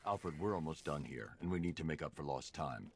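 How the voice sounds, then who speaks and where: An actor playing a grim, deep-voiced masked vigilante, in game audio. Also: male voice, expressive, fairly quick, slight background noise. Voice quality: deep, gravelly.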